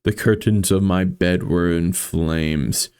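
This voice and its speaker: A man with a gravelly voice reads a horror story aloud as a streamer, with casual, foul-mouthed commentary. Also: low voice, steady tone, takes it slowly, a little mellow, no room sound, studio quality.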